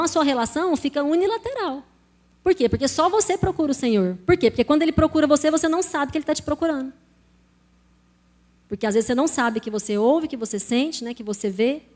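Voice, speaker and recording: A Brazilian woman's high, slightly mellow voice carries a Portuguese sermon in which she tells the congregation her personal testimony. She talks conversationally and addresses them directly.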